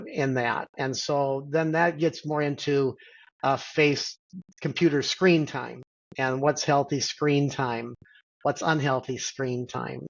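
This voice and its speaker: A middle-aged man, a physician guest, explaining things in a measured way with many pauses and "and so" fillers over a video call. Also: mid-range voice, vocal fry, highs cut off. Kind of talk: interview answer.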